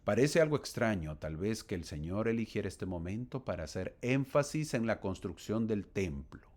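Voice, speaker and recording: A man's voice: fairly low pitch, lively intonation, normal speed, a little mellow. A man giving a conversational scripture lesson. He speaks to the listener as a friend, asks rhetorical questions and reads verses aloud. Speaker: gospel teacher.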